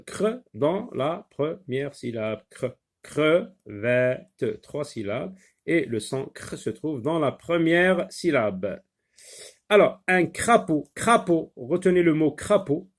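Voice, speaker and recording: This is a man teaching phonics to young children, his voice on the high side. He says each word repeatedly and keeps pausing with hesitant fillers.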